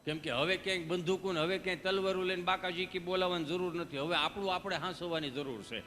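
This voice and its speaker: A man telling comic stories on stage, chatting and throwing quick asides to the crowd. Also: high voice, steady tone, sharp tone, in a large hall, faint music behind. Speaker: stage comedian. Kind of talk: Gujarati folk comedy storytelling. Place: stage before an audience.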